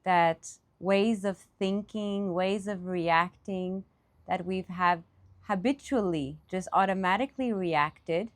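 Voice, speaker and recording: A woman teaching a guided meditation speaks off the cuff in a mid-range voice. Her phrases are reflective and halting, broken up by pauses.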